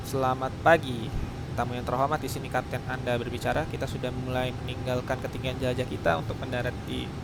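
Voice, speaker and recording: A man's voice: mid-range voice, flat delivery, fast, creaky, hardly any pauses, heavy background noise. A man role-playing an airline captain on the cockpit headset, making radio calls and cabin announcements, hesitant and often correcting himself. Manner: hesitant, stumbling and correcting himself mid-call. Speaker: flight simulator player acting as airline captain.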